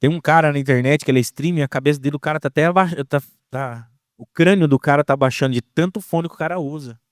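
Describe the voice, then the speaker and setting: A young man with a Brazilian accent preaching a casual, slang-filled sermon in an animated way. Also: fairly high pitch, fast, no room sound, studio quality. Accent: Brazilian Portuguese.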